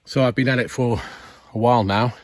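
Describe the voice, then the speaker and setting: This mid-range, steady male voice moves fairly quickly, and the sound is studio quality with no room sound. He's in his fifties, filming a wry, explanatory vlog tour of the old farm he's restoring on a handheld phone at arm's length, outdoors on the land and inside a stone barn. Clicks and clear background noise can be heard.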